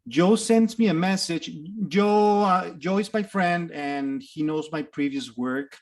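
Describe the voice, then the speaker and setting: Slow and on the high side, the voice is that of a middle-aged Mexican guest actor, Spanish his mother tongue, speaking with a Mexican Spanish accent. He's an animated storyteller in a casual interview, prone to laughter and frequent restarts.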